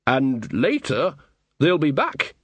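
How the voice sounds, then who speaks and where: A shrewd, earthy old witch, as a male narrator puts her on, blunt and teasing in a folksy way. The voice is pitched a little above his own and sits dry and close to the mic. This is an audiobook reading. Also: huge pitch swings, slow pace, husky, no room sound, lo-fi sound, heavily acted. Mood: wry.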